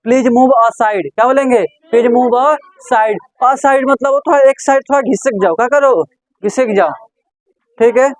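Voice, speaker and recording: In a classroom lesson, a male English teacher with a very high-pitched voice speaks at normal speed, repeatedly drilling phrases with his class and asking them questions. The recording is poor quality but has no echo.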